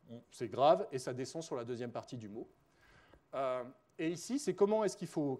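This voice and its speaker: A man's voice: a little high, dark tone. A man giving a spontaneous conference lecture as a researcher, chatty, with frequent fillers, self-corrections and wry joking asides.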